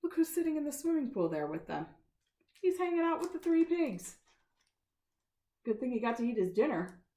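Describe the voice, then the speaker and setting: A woman reads a children's story aloud, stopping to ask the children questions. Her voice is fairly high and swings up and down. The sound rings in an echoey room. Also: normal speed. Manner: animated, asks children questions. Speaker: storytime reader.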